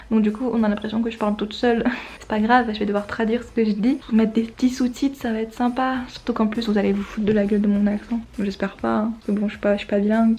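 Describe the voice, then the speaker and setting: A woman in her twenties chatting casually to her camera at home, rambling with quick asides. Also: medium pitch, mellow, highs cut off. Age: 20s. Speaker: vlogger. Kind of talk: casual vlog chat to camera. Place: indoors at home, bedroom. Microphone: handheld compact camera.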